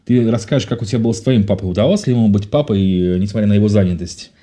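Fast-talking low-voiced male radio host. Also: steady tone, dark tone. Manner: chatty, jokey, many filler sounds. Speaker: radio talk show host. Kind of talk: live radio talk show chat.

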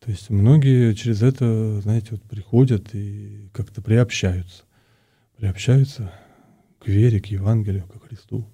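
A man's voice: lowish voice, fairly even intonation, measured pace, mellow, breathy edge. A man, a priest being interviewed, explains things conversationally, often repeating words and searching for his phrasing. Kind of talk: conversational explanation, answering questions.

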